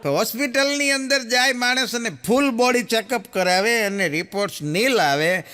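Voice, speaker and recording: A man's voice: extremely high pitch, normal speed, noisy background. A man telling jokes on stage as a stand-up comedian, acting out the people in his stories. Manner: animated storyteller, acts out quoted characters. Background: audience laughter.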